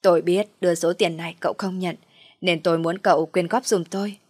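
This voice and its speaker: A woman voicing a scheming middle-aged mother who laments loudly and theatrically. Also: fairly low pitch, fairly even intonation, fairly quick, breathy edge, no echo, clean studio sound. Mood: welcoming.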